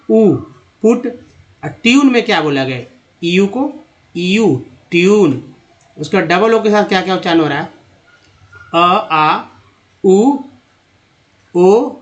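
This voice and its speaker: Man, English reading teacher, slightly high-pitched, slow repeated vowel sounds, friendly address to viewers. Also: muffled recording. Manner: slow, drawn-out spelling and sounding of words. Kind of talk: Hindi-language phonics lesson.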